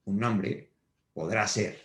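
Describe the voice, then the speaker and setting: A man's voice: lowish voice, takes it slowly, fairly bright tone. A man giving a patient whiteboard grammar lesson to schoolchildren, repeating each point and checking in often. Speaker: primary school teacher. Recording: roomy echo.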